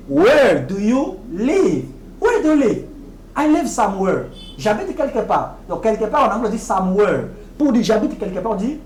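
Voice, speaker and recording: A woman giving a televised English lesson, explaining patiently and repeating each English phrase slowly and deliberately. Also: mid-range voice, a little mellow, echoey room, a little hiss or hum, poor audio. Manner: explains patiently, often checking with "ok?". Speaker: English teacher.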